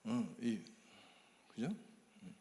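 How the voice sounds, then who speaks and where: A man's voice: on the low side, fairly even intonation, slow pace, dark tone, slight background noise. An older man, a church elder, telling a personal testimony as a sermon and acting out the dialogue in his stories. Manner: storytelling, acting out quoted dialogue, breaks into hymn singing. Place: church sanctuary. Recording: echoey church hall.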